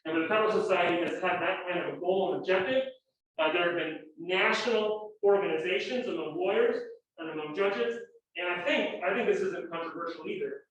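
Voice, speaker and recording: A man's voice: high-pitched, a bit bright, slight background noise. A man speaking on a panel, rambling with many restarts and hesitations. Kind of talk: panel talk. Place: lecture room. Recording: distant, echoey, dull lecture-room audio.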